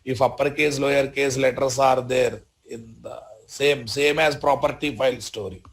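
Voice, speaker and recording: A man with a Telugu Indian accent teaches a live software tutorial as an instructor, repeating short phrases and often checking that learners follow. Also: medium pitch, fairly even intonation, moderate pace. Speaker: programming instructor.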